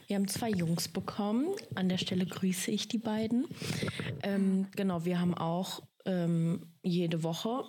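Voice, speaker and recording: A young woman in her twenties co-hosts a relaxed podcast chat. Her voice sits low for a woman, and she talks in a friendly, slightly hesitant way. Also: a little hiss or hum. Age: 20s. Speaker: podcast co-host, apprentice. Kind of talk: casual chat.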